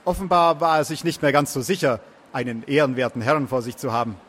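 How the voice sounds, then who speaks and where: A man reading a fantasy story aloud in a steady storytelling manner. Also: mid-range voice, fast talker. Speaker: reader.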